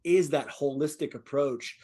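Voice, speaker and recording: A man's voice: on the high side, a little slow, warm tone. A man explaining ideas earnestly in a conversational discussion, checking in with short tag questions. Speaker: discussion panelist.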